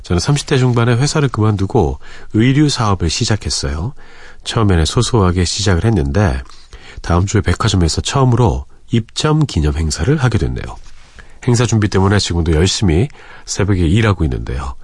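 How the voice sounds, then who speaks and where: Deep-voiced man hosting late-night radio. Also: very animated, fairly quick, dry recording. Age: 40s. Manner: easygoing and chatty, with soft breathy asides. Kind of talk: late-night radio talk, reading listener messages. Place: radio studio. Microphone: close studio microphone.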